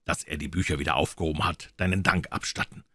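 A man doing a croaky, fawning old bookseller. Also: very deep voice, steady tone, quick pace, sharp tone, exaggerated voice. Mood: ingratiating. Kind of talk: audiobook reading.

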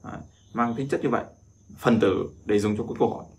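A Chinese language teacher gives a casual vocabulary lesson, repeating words over and over in drawn-out drills and chatting in asides. His voice is medium-pitched. There's slight background noise.

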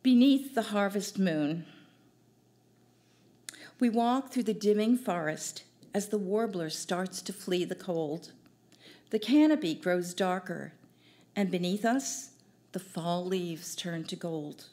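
An older woman reading her own poems at an open mic on a small cafe stage, in a gentle, measured recital into a stand mic. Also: lowish voice. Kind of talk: poetry reading. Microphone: stand mic at a distance.

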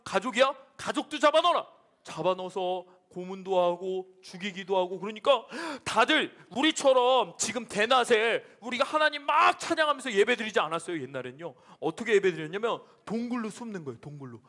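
A male pastor giving a children's sermon, telling the story with lively energy and asking the kids questions. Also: high voice, brisk, few pauses.

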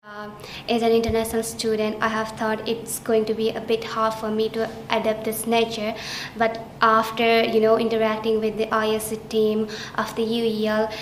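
A woman's voice: on the high side, moderate pace, slight background noise. A young woman from Nepal, an international student, answering interview questions with many hesitations and fillers. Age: young adult. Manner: hesitant, many fillers, flat steady delivery. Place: small indoor study room. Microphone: camera at chest framing. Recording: roomy indoor echo, faint ambience.

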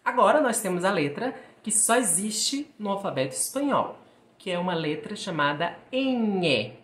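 A man's voice: high-pitched, big pitch swings, normal speed, a bit bright. A man teaching Spanish in a recorded video lesson for sixth graders, patiently drawing out sounds and repeating syllables. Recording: roomy, echoey room sound.

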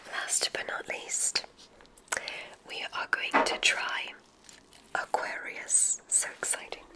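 A woman's ASMR roleplay casts her as an encouraging examiner of witches at a magic school, speaking in a slow, breathy, soothing whisper with gentle enthusiasm and deliberate pauses. Her delivery stays close to her everyday voice, though the audio quality is poor.

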